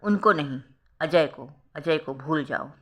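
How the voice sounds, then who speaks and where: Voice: medium pitch, unhurried, fairly bright tone. A narrator doing a stern, guilt-ridden elder sister. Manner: scolding, then tearful and guilt-ridden. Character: stern young wife, protective older sister.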